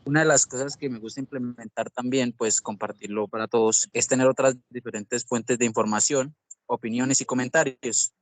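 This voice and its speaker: A man's voice: medium pitch, steady tone, moderate pace, no echo. Hesitant man speaking in class. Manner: hesitant, filler-heavy phrasing. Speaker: student. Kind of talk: class discussion remark.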